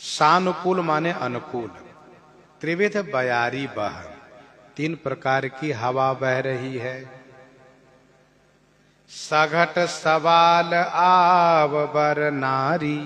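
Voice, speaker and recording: A man preaching on a sacred verse epic, who chants the verses slowly and then explains them in plain with a tinge. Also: mid-range voice, pushed and bright. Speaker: Ramayana preacher. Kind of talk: sung verses with spoken explanation.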